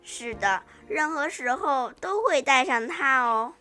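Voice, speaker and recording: A woman with a high voice reads a children's storybook aloud, gently and clearly. Music sits clearly behind her the whole time. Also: lively intonation, a little slow.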